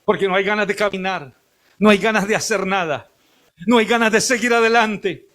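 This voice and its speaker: A male missionary preacher with a strikingly high, bright voice. He delivers his sermon emphatically, rising to shouts and chuckling along with the congregation. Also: fairly quick.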